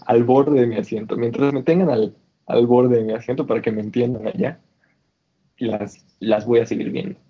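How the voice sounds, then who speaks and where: Man, casual slangy co-host, husky timbre, muffled call audio. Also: medium pitch, normal speed. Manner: animated, slangy, frequent restarts. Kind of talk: casual chat. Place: indoors in Canada.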